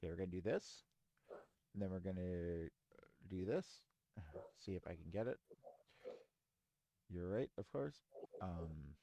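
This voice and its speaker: A man's voice: low voice, a little slow, creaky, long pauses, mellow, lo-fi sound. A man co-hosting a tech tutorial in casual chat, joking as he reads out commands letter by letter while typing. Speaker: co-host following a tutorial.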